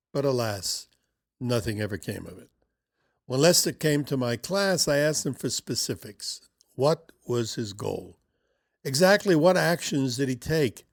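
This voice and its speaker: A male self-development teacher speaks in an unhurried, conversational manner and keeps asking his listeners questions. His voice sits at an ordinary middle pitch. The recording is dry and close, with no room echo. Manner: measured, conversational, poses rhetorical questions. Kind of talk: recorded instructional talk.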